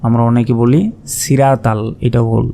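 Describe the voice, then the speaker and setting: A man teaching recitation, spelling out each syllable slowly and then reciting with long drawn-out vowels. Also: medium pitch, level tone, warm tone. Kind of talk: slow spelled-out pronunciation lesson.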